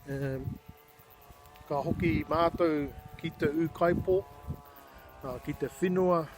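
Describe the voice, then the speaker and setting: A man's voice: a little high, steady tone. Māori-accented New Zealand man, noisy outdoor recording. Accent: New Zealand Māori English. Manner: unhurried, hesitant, switches between English and te reo Māori. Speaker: vlogger showing family land. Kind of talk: casual walk-around vlog. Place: outdoors on rural land. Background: clear outdoor noise, birds.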